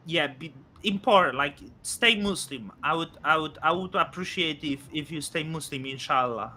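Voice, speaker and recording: A man in his thirties hosts a loose crypto chat, his voice very bright and a touch high. He talks in halting bursts, full of fillers and restarts. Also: slight background noise. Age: 30s. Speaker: host. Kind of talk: casual crypto podcast chat.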